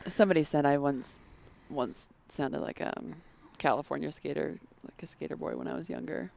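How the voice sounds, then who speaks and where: A woman co-hosting a podcast, chatting casually, animated and laughing often. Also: low voice, brisk, vocal fry. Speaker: podcast co-host. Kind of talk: casual chat.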